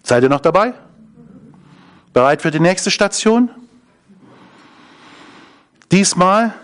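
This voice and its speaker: A man preaching a sermon, often asking his listeners questions. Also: a little high. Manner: engaging, asks the audience questions.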